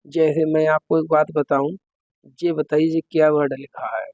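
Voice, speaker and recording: A man's voice: on the high side, level tone, normal speed, darkish tone, dry recording, highs cut off. A man teaching an exam-prep lesson, working through quiz questions step by step and putting questions to the listener.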